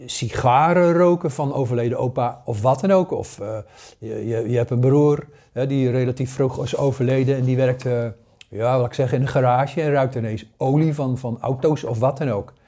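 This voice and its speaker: A man in his sixties gives a casual spoken lesson. His voice is warm and mellow, and his talk is full of fillers, restarts and hesitations. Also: medium pitch. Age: 60s. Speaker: paranormal course teacher.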